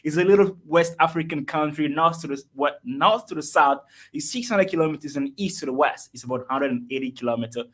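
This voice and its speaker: Animated man telling his story. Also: a little high, fairly quick, few pauses. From Togo. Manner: animated, emphatic, repeats words, jokes with the audience. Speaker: guest, motivational speaker. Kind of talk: interview guest telling his life story. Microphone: video call.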